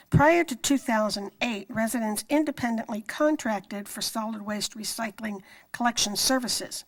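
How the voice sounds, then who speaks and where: Councilwoman giving a formal report, highish voice, measured and kinda halting. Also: poor audio. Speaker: city council member. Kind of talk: formal prepared meeting presentation. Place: council meeting room.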